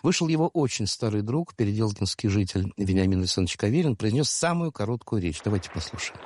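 Low-voiced man in his sixties. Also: lively intonation, a little mellow, a little hiss or hum. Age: 60s. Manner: digressive, halting restarts. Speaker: storyteller guest. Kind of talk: conversational storytelling.

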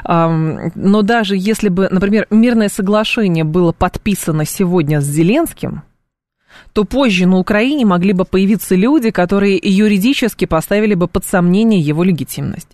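A woman hosting live radio news talk in a studio, speaking briskly with frequent filler sounds between points. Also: mid-range voice, a little mellow, dry recording. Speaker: radio host. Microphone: studio microphone.

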